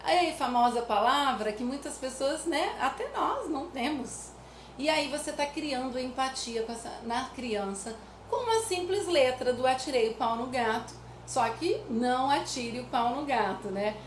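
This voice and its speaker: A woman's voice: high voice, expressive, moderate pace. A woman from Brazil, explaining music activities for children to parents in a chatty way, often adding "né?". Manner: chatty, repeats "né?" often, sings nursery rhymes as examples. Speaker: music educator. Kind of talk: casual teaching talk to parents. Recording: echoey room with faint noise.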